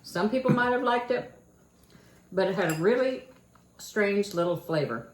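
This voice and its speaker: A woman's voice: medium pitch, expressive, moderate pace. An older woman with a Kentucky accent, chatting in a folksy home vlog about her own childhood. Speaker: channel host. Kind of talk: casual home vlog chat. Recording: echoey room with faint noise.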